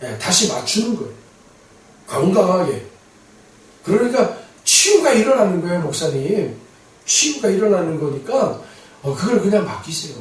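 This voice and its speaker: A middle-aged man preaches with a high, lively voice that swoops up and down as he tells his story. He repeats phrases for emphasis, and his voice rings through a large sanctuary, picked up from a distance. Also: normal speed, pauses often. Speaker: pastor. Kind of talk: sermon. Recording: echoey hall from far off.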